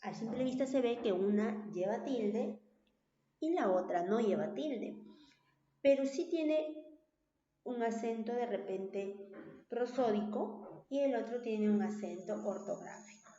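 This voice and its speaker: A woman's voice: on the high side, lively intonation, unhurried, mellow. A woman teacher giving a recorded class, explaining patiently and checking in with tag questions. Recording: roomy, dull lo-fi recording.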